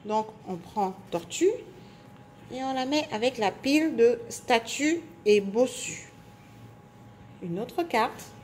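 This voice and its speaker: A woman teacher giving a phonics lesson to young children, speaking slowly and clearly articulating, stretching out sounds and syllables. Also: on the high side, animated, a little mellow, slight background noise. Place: indoors at a table.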